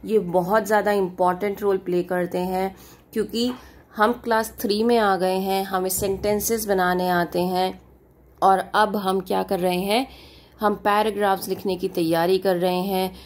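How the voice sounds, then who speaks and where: A woman's voice: medium pitch, flat delivery, moderate pace. Patient woman teaching a kids' grammar class. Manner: explains patiently, checks with "ठीक है?". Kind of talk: online grammar lesson for children.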